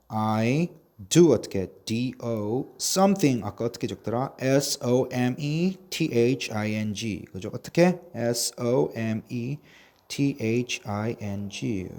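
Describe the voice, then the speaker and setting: A man's voice: mid-range voice, a little mellow. A man teaching an online English spelling lesson, asking how each word is written and then spelling it out letter by letter. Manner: drills spelling, spelling words out letter by letter; asks and answers his own questions. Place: recording a video lesson.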